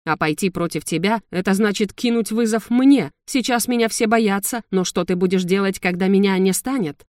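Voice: medium pitch, normal speed, hardly any pauses, no echo, clean studio sound, pitched above the performer's own voice, close to an everyday voice. A reader voicing a furious lizard gargoyle king, a domineering father who roars and snarls sarcastically. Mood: raging.

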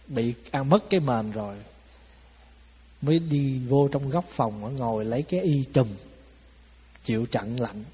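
A man giving a Buddhist dharma talk, telling stories in a lively, conversational way and often asking his listeners to agree. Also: mid-range voice, breathy edge. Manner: asks the audience "phải không?". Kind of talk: storytelling sermon. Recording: long hall reverb.

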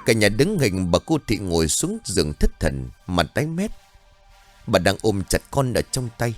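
A man narrating a scripted ghost story in an expressive, dramatic way. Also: fairly low pitch, moderate pace, over music.

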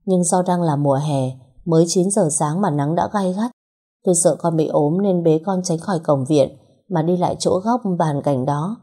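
A young woman narrating a first-person story in a measured, steady way. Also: low-pitched, husky.

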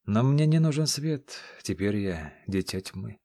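A man reading scripted first-person fantasy narration in a steady, measured storytelling manner. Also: fairly low pitch, no echo, studio quality. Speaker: audiobook narrator.

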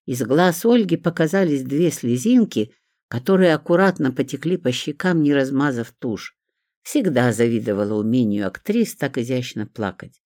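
An audiobook reader narrating with animated, widely swinging intonation. The delivery is expressive and lively throughout. The recording is dry and close. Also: medium pitch, normal speed, no echo.

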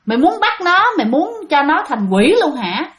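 A woman's voice: sits high, big pitch swings, normal speed. A woman voicing a stern middle-aged mother scolding her son. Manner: sharp, scolding.

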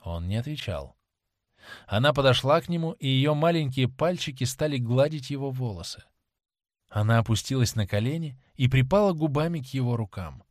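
A man's voice: medium pitch, lively intonation, dry recording, clean studio sound. Man narrating an audiobook. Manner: measured, dramatic narration.

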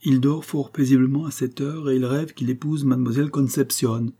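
A man's voice: medium pitch, fairly even intonation, fairly quick, dark tone, slightly rough, pitched above the performer's own voice, natural voice. A man reading the lines of a sly, sardonic Portuguese henchman in an audiobook, in a dry, matter-of-fact way.

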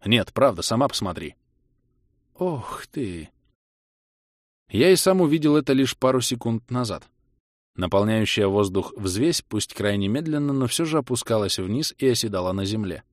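Brief: male audiobook narrator, medium pitch, measured and expressive, dry close read. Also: dry recording. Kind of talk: first-person audiobook narration.

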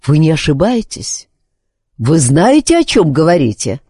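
A man reading an audiobook voices a proud, quick-tempered aristocratic husband who speaks harshly and accusingly. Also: fairly high pitch, huge pitch swings, dark tone, slightly rough, no echo, studio quality, heavily acted. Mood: scornful.

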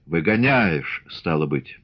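A man's voice: low voice, animated, slow pace, voice pushed down, heavily acted. A man voicing a stern, hot-tempered old Cossack father in an audiobook, firm and commanding, snapping out his words. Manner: shouts and snaps, firm and commanding. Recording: dull lo-fi audiobook recording.

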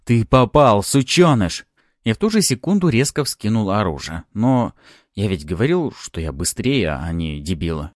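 A man with a low voice narrates a first-person story, his delivery smug and very animated. The recording is dry and close, with no room sound. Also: normal speed, dry recording. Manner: smug, expressive. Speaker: audiobook narrator.

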